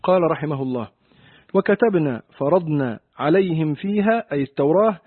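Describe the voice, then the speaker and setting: Husky guy reading an old commentary out, formal and steady, dry phone-ish sound. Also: a little high, fairly quick, no echo. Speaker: reader of the commentary text. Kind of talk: reading a classical commentary aloud. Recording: dry tinny phone-like recording.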